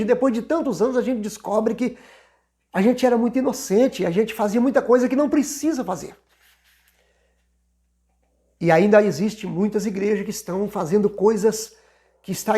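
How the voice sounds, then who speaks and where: A middle-aged man teaching a Bible lesson in a conversational way, with frequent restarts and hesitations. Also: sits high. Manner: conversational, many restarts, mimics shouting worshippers. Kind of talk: Sunday school lesson.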